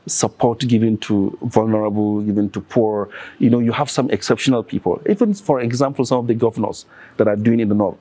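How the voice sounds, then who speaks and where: A warm, medium-pitched male voice, recorded dry, belongs to a podcast guest from northern Nigeria. Speaking with a Nigerian accent in a conversational interview, he earnestly keeps listing examples.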